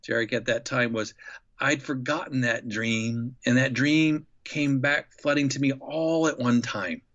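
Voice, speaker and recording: A man in his fifties from Nebraska, a podcast guest telling a travel story with animated enthusiasm. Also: medium pitch, measured pace, muffled recording. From Nebraska, USA. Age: 50s. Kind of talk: storytelling interview.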